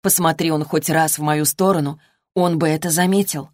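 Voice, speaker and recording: Woman narrator for a first-person novel, low voice, dry studio, steady measured delivery. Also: dry recording. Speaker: audiobook narrator.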